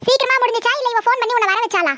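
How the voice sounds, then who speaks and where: Someone playing a shrill bossy old mother-in-law. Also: rapid-fire, sharp tone, dry recording, clean studio sound. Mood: suspicious. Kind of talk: comedy skit acting.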